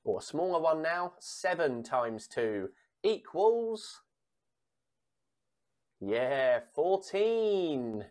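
A woman calling numbers like a bingo caller for children, reading out sums, pausing before each answer and repeating digits. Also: sits low, big pitch swings, darkish tone. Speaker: bingo caller for a children's times tables game.

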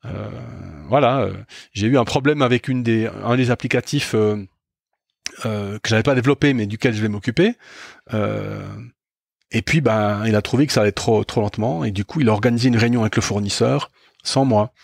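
A man's voice: fairly low pitch, brisk, gravelly, dry recording, studio quality. A middle-aged man hosting a podcast, telling a candid, self-critical story about his own mistakes, often hesitating and restarting as he goes. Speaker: podcast host. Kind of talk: reflective storytelling monologue.

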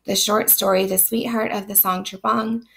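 Sick and losing her voice, a woman lecturing on literature online sounds gravelly and strained. Her medium-pitched delivery is flat and at normal speed, with a fairly bright tone, and she explains steadily while frequently saying um in this recorded lecture.

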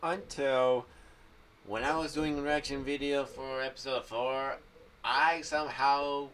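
In a small room at home, a young adult vlogger gives rambling, halting commentary on a horror audio series, frequently repeating himself. He has a mid-range voice with a fairly bright tone. His boom-arm condenser mic, fitted with a pop filter, sounds distant and carries faint background noise.

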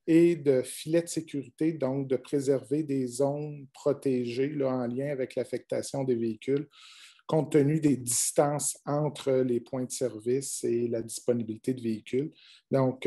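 Dark-voiced Québécois man asking questions. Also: medium pitch. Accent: Québécois French. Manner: formal, hesitant with fillers. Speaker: president of an ambulance association, asking a question. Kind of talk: question at a webinar. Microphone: video call.

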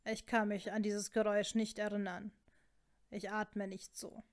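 A woman's voice: medium pitch, little pitch movement, measured pace, lightly acted. A woman voicing a snarky, stubborn young wizard man with a dry, sarcastic drawl, in a storybook reading. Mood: snide.

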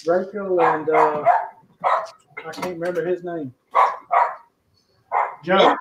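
Easygoing high-voiced male cooking host. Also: fairly even intonation, slow, muffled recording, very noisy. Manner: easygoing, talks while cooking. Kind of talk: casual cooking livestream.

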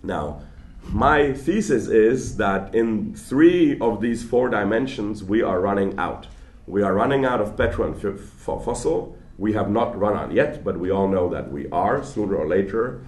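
A man lectures to an audience in a large hall in a loose, conversational way. His voice sits a little low, and he often stammers and restarts his sentences. The room adds a noticeable echo. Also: expressive, unhurried, darkish tone. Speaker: guest lecturer. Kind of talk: public lecture.

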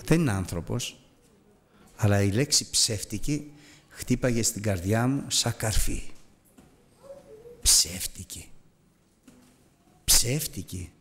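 A man's voice: fairly low pitch, long reverb tail. A man preaching a sermon as a personal story, earnest and confessional, acting out voices and sound effects as he goes.

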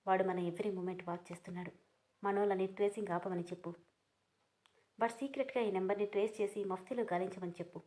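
A woman's voice: medium pitch, fairly even intonation, a little fast, dark tone, close to an everyday voice. A woman voicing a man who gives urgent, clipped orders about a hostage case. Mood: tense. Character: tense male police officer giving urgent orders.

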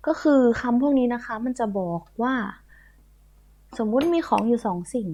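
A woman's voice: fairly high pitch, moderate pace, dark tone. A woman teaching a primary school English lesson online, patiently repeating and spelling words letter by letter. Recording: tinny phone-like audio.

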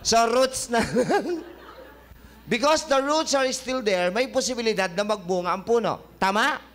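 Male doctor-host, high-pitched, jokey lecturer who keeps quizzing the room, studio. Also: fairly bright tone. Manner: joking, quizzing listeners with questions. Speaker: health talk show host and doctor. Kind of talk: lively health lecture.

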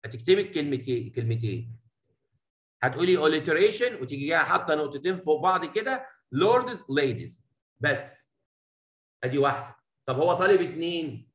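Man, Egyptian Arabic accent, teacher, classroom lesson, fond nicknames for students, slow English read-alouds, echoey room. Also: on the high side, sing-song, a bit bright. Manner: affectionate, addresses students as "habibi" and "baba"; mixes Arabic explanation with slow English reading.

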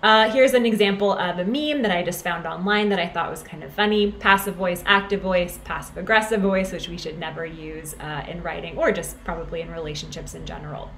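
A woman explaining writing grammar as an instructor, in a clear teaching manner and often asking "right?". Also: lowish voice, brisk, few pauses, a bit bright, a little hiss or hum. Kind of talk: lecture over slides. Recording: roomy echo, faint background ambience.

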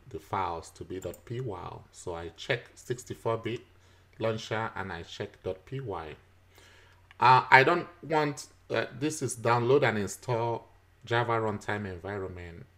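Guy walking thru a software install, kinda low voice, lots of uhs and little laughs. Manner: chuckles often, frequent "uh" fillers; patient, step-by-step explaining. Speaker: teacher. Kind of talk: screen-recorded software tutorial.

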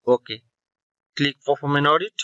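A man's voice: on the high side, normal speed, pushed and bright, no echo, muffled recording. A man narrating a screen-recording tech tutorial, explaining step by step with fillers and self-corrections.

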